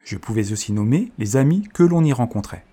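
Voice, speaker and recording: A man narrating a storybook in first person, reading softly and expressively. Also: mid-range voice, sing-song, brisk. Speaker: audiobook narrator.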